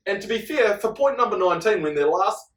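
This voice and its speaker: A man's voice: high voice, animated, fast talker, fairly bright tone. A young man with a New Zealand accent co-hosting a podcast, reading out points and picking them apart in a chatty, wry way. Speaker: podcast co-host. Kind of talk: casual chat. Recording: roomy room, mic at a distance.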